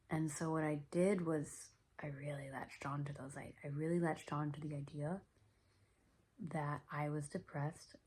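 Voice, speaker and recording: A woman hosting a podcast, talking earnestly about her own experience in a soft, reflective monologue that often drops to a whisper. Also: deep voice, gravelly, slightly rough. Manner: earnest and self-reflective, with many fillers. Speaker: podcast host.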